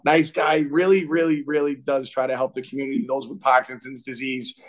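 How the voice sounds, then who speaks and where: A man's voice: medium pitch, flat delivery, fairly quick. A man with a Boston accent, a boxing trainer talking earnestly and loosely as a guest on a podcast. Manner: earnest, reflective, loose with fillers. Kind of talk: casual podcast interview.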